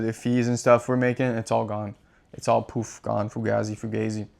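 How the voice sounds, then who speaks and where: A man's voice: medium pitch, gravelly. A man hosting his own channel, delivering an impassioned, profane and repetitive rant. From United States. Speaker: crypto channel host. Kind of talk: impassioned monologue.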